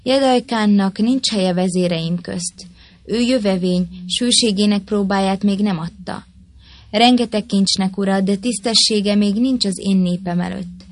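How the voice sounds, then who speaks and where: A solemn, calm chieftain read by a woman. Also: medium pitch, no room sound, lightly acted. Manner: measured and solemn. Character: stern, calm male chieftain of a tribe. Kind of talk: audiobook reading of a historical tale.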